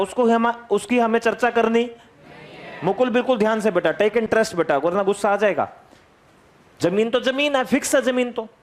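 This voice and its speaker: A man with a high-pitched voice teaches physics in a classroom. He repeats each key point several times and keeps firing questions at his students. He calls on them by name to make them answer. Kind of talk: energetic classroom lecture.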